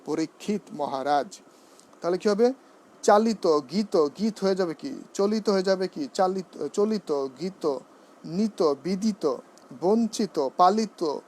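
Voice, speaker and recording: A man with a fairly high voice gives a pronunciation lesson in a seminar. He repeats each word slowly and poses questions he answers himself. He turns earnest and emphatic when he corrects common mistakes. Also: a little mellow. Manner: drills words slowly, asks and answers own questions. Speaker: pronunciation teacher.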